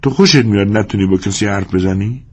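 A man's voice: darkish tone, slightly rough. A man reading a story aloud, putting on the voice of a lonely, restless young woman in a raised, pleading tone. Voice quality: higher, pleading voice.

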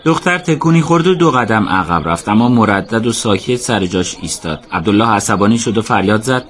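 Low-voiced male radio narrator. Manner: steady, measured storytelling.

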